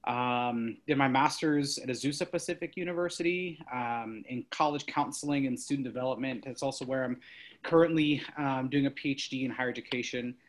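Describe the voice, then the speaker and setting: A man's voice: medium pitch, brisk. A man in his thirties from Los Angeles, giving an earnest, upbeat personal introduction with some fillers. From Los Angeles, California.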